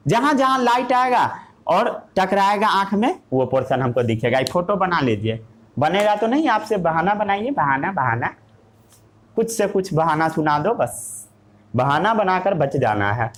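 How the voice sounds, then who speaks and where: A man's voice: sits high, expressive, normal speed, fairly bright tone. A male teacher giving a classroom science lesson. He asks rhetorical questions, answers them himself, and mixes English terms into his Hindi.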